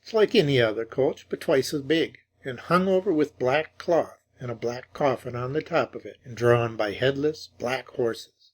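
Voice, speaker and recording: A man voicing a frightened, superstitious old woman in a spoken ghost story, his voice raised in pitch and pleading. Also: normal speed, few pauses, close to an everyday voice. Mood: hushed dread.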